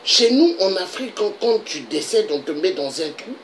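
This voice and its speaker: A man's voice: high voice, sing-song, normal speed, fairly bright tone, slight background noise, poor audio. A man from the Congo, delivering an impassioned political monologue full of repeated rhetorical questions. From Republic of the Congo. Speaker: political video blogger.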